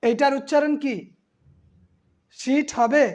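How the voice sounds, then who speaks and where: A woman's voice: high-pitched, steady tone, slow pace, darkish tone. A woman teacher giving an exam-prep class, patiently repeating terms and quizzing her students.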